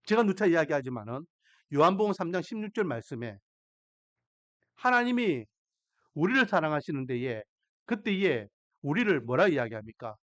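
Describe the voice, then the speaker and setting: Expressive pastor. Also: male voice, fairly high pitch, brisk, no room sound, lo-fi sound. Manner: expressive, with rhetorical questions. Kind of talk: sermon.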